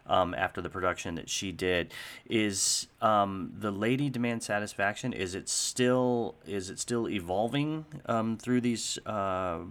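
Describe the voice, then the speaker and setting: A man's voice: low-pitched, a bit bright. A male host interviewing a guest, asking questions hesitantly with many fillers. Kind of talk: interview conversation.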